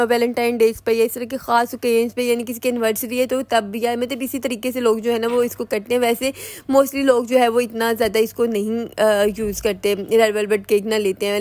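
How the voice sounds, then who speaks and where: A woman's voice: fairly high pitch, a little mellow, no room sound. A young Pakistani woman with an Urdu accent, a home baker giving a chatty, instructive cooking tutorial voice-over. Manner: chatty, instructive, repeats "ठीक है".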